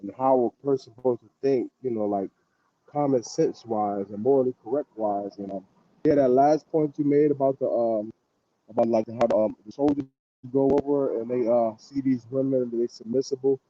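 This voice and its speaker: Stream caller, male, muffled as if through a wall over a dull, low Bluetooth mic, halting and casual. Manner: halting, full of fillers. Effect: muffled and low, as if heard through a wall. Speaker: caller on a live stream panel. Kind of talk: casual chat. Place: outdoors.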